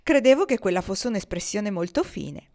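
A woman's voice: mid-range voice, animated, moderate pace, darkish tone, natural voice. A woman reading an audiobook, voicing a worldly frontier woman who talks in a teasing, ironic way. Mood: wry. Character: wry worldly frontier woman, self-mocking.

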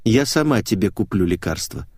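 A man's voice: fairly low pitch, big pitch swings, moderate pace, creaky, breathy edge, dry recording, full character voice. A man voicing a brash, sarcastic, jealous young woman who snaps and mocks, in a dry studio audiobook reading. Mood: mocking. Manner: mocking, snapping.

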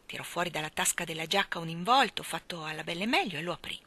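A woman reading a classic children's novel aloud in a calm storytelling manner. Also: on the low side, quick pace. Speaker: reader. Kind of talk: audiobook reading.

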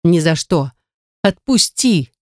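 A woman's voice: sits low, steady tone, a little slow, mellow, no room sound, studio quality. A reader voicing a frightened young woman who is defensive and defiant, in an audiobook. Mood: frantic. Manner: pleading, defiant. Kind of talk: audiobook narration.

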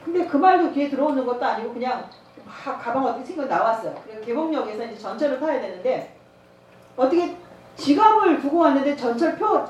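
Lively woman telling a story in church. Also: high voice, fast talker, lo-fi sound, slight background noise. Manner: storytelling, acting out dialogue, laughing often. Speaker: evangelism trainer. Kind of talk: sermon with personal testimony. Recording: echoey church hall, mic at a distance.

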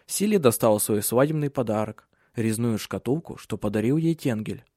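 A man narrating an audiobook in an even, measured storytelling manner. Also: mid-range voice, no echo, studio quality. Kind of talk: scripted narration.

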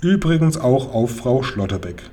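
A man's voice: medium pitch, big pitch swings, moderate pace, dark tone, close to an everyday voice. A man doing a pompous police sergeant. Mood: hearty. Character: pompous middle-aged male police sergeant.

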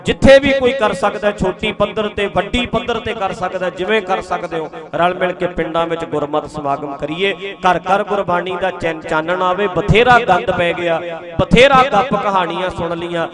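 A man preaching from a stage to a congregation, earnest and pleading, repeating his phrases for emphasis. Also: high voice. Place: outdoor religious gathering stage. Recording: crowd noise from a large gathering.

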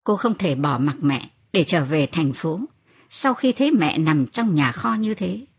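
A woman narrating an audiobook novel in an expressive reading voice. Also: deep voice, a little slow, breathy edge. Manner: expressive reading, lifts her voice for quoted cries.

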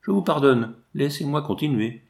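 A man's voice: medium pitch, lively intonation, normal speed, creaky, darkish tone, pitched above the performer's own voice. A man voicing a proud male marksman with a stern, commanding manner.

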